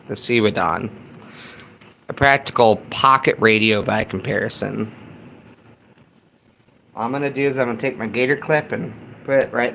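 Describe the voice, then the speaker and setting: A hobbyist host casually demos gear hands-on, talking to viewers like they're his buddies. His medium-pitched voice is a bit bright, and the low-quality recording carries clear background noise.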